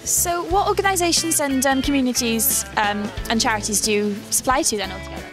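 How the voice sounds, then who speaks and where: A woman's voice: high voice, brisk, music in the background, poor audio. A woman reporting and interviewing for a magazine show. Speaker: reporter and presenter.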